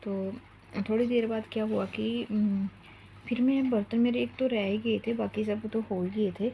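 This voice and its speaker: A woman's voice: a little high, fairly even intonation, moderate pace, vocal fry, mellow, slight background noise. A young woman telling a long, rambling story at home in a casual vlog, stopping now and then to coax her small child. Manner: chatty, rambling, breaks off to coax her toddler. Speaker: mom vlogger.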